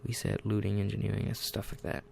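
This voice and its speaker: A gaming channel host with a lowish, creaky, warm voice talks fast and in a monotone. Over faint game music, he delivers rambling, self-deprecating let's-play commentary, often muttering asides to himself.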